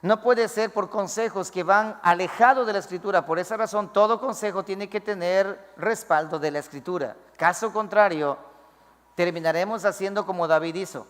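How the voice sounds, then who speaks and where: A man's voice: high-pitched, normal speed, fairly bright tone, long reverb tail. A man preaching a sermon as pastor, acting out pleading prayers in a raised voice.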